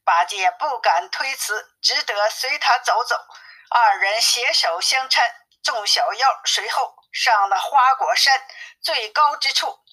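A woman narrates an audiobook of a classic tale at a steady, clear pace. Her voice sits a little high and sounds bright and forceful. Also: a little slow, low-quality recording. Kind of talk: audiobook story reading.

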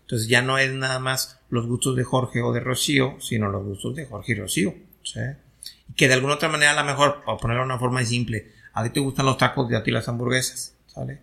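A man hosts a conversation, laying out his points with plain examples and checking that the listener follows. His voice has a gravelly fry and a bright, forward edge. He sits at a middle pitch for a man. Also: steady tone, fast. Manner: explains with everyday examples and asks if he is understood. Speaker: host. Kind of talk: conversational teaching.

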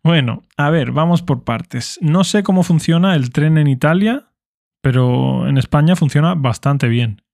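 A man from Spain with a Spanish accent, reading listener questions aloud and answering them in a clear, explanatory way. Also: fairly high pitch, a little mellow, no room sound, studio quality. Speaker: Spanish teacher podcast host.

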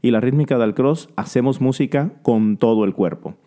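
Man in a mellow-voiced music lesson. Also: mid-range voice, normal speed. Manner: scats rhythm syllables aloud, coaching the listener; encouraging, talks directly to the listener. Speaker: music teacher.

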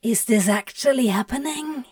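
A woman's voice: fairly high pitch, normal speed, darkish tone, no room sound, studio quality, close to an everyday voice. Crowley, a flustered woman-voiced demon. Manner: blunt, clipped, offhand. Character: flustered, guarded male demon. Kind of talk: fan audiobook reading.

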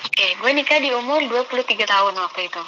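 A woman's voice: on the high side, animated, fast. Chatty woman, muffled noisy recording. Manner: chatty, uses Jakarta slang. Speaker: guest telling her story. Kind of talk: casual chat. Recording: muffled with clear background noise.

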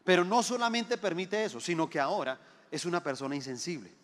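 A man's voice: sits high, fairly quick, a bit bright. A man, preaching a sermon. He talks with emphasis, repeats his phrases and asks the listeners rhetorical questions. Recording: long hall reverb.

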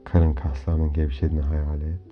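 Very low-voiced man guiding a soft meditation. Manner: calm, soothing, measured instructions with pauses. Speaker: guided hypnomeditation host. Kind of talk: slow guided meditation narration. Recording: dull lo-fi audio under music. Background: clear background music.

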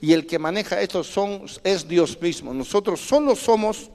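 High-voiced man preaching emphatically. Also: moderate pace, darkish tone. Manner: emphatic preaching with call-and-response prompts. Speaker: pastor. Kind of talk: sermon. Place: church. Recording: reverberant church hall.

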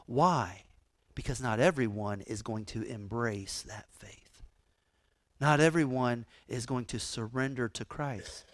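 A male pastor preaching a sermon, telling stories with animated, acted-out quotes. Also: medium pitch, slow, dry recording. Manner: animated storytelling, acts out quoted voices.

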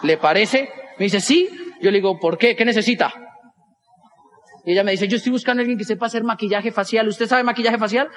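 Performing stand-up in a large hall, a young man with a Colombian Spanish accent spins a story in his high-pitched voice. He is animated, voicing the other people in it with rapid switches.

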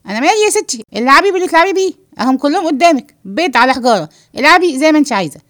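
A woman's voice: high-pitched, animated, rapid-fire, a bit bright, no room sound, clean studio sound, voice pushed up. A woman voicing a cheeky, joking man with an Egyptian accent in a read-aloud play, teasing the others. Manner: teasing, wisecracking. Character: cheeky, joking man, carefree while eating.

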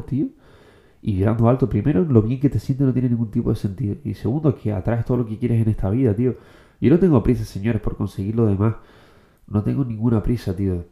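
A young man from the Canary Islands giving a casual motivational monologue, slangy and quick, forever dropping "tío" and "bro". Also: fairly low pitch, mellow. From Canary Islands, Spain. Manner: slangy, fast, keeps saying "tío" and "bro". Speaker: motivational content creator.

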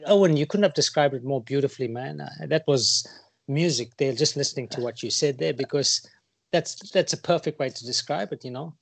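A man's voice: mid-range voice, fairly quick, vocal fry, slightly rough, no room sound. A man chatting on a podcast about running, enthusiastic and full of stories, often calling people "mate". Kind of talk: casual chat.

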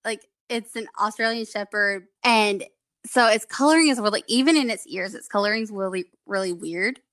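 A woman's voice: medium pitch, moderate pace, fairly bright tone. A young woman chatting casually as a podcast co-host, laughing often and acting out the things she said. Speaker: podcast co-host, vet tech. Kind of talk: casual chat.

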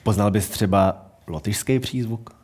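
Joking low-voiced man. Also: a little mellow, slightly rough. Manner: joking, quick quips. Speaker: podcast co-host. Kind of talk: casual chat.

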